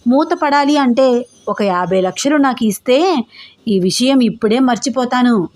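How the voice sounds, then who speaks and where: A sly older mother-in-law with a spiteful streak, as a woman narrator plays her. She draws out her words slowly and lets the threats sink in. Her voice sits a touch high. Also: lively intonation, a little mellow. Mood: sly, threatening.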